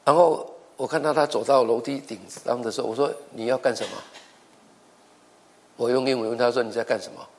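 A man's voice: mid-range voice, fairly even intonation, brisk, a little mellow. A middle-aged male pastor preaching a sermon, telling stories with acted-out dialogue and often repeating words as he goes. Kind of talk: sermon with storytelling.

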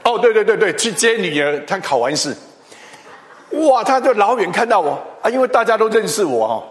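A middle-aged man, preaching a chatty, animated storytelling sermon. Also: high-pitched, brisk. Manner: animated, chatty, with tag particles and restarts. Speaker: pastor. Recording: long hall reverb.

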